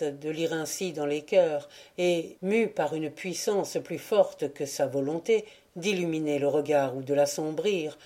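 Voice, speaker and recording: Audiobook narrator: woman, low mellow voice, measured storytelling pace. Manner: measured storytelling, voicing characters lightly. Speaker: audiobook reader. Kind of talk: scripted narration of a classic tale.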